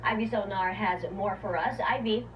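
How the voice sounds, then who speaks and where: A woman's voice: mid-range voice, moderate pace, muffled recording. A woman anchoring the news and handing over to reporters in the field. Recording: noisy, distant broadcast sound.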